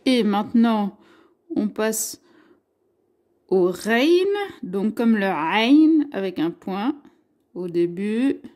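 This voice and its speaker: A woman leads a beginners' lesson on letters and their sounds. She talks slowly and patiently, pausing to spell each syllable out. Her voice sits at an ordinary middle pitch. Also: a little mellow. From France. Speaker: teacher. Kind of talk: Arabic alphabet lesson.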